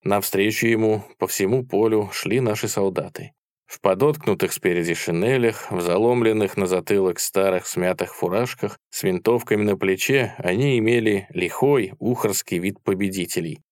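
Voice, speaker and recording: A man reading a war novel aloud in steady, measured narration. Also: on the low side, no room sound, clean studio sound. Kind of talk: audiobook narration.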